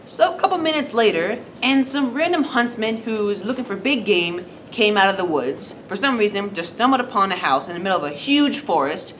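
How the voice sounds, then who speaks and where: A woman's voice: lowish voice, fairly bright tone, a little hiss or hum. A woman telling a comic fairy tale off the cuff, with playful self-corrections and wry asides. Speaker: storyteller. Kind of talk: improvised comic storytelling.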